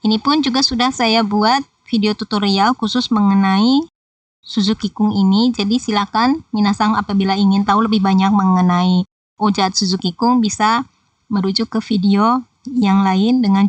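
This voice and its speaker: A woman's voice: mid-range voice, normal speed, no room sound, distant mic. A woman teaching Japanese in a patient, explanatory tutorial voice-over that talks straight to viewers. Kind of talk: screen-recorded tutorial explanation.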